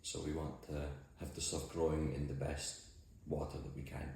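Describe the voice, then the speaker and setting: Creaky and dark in tone, the very deep voice of a Shetland mussel farmer and boat skipper delivers flat, matter-of-fact interview answers at a moderate pace. He's indoors in an office, in a very echoey room with faint noise.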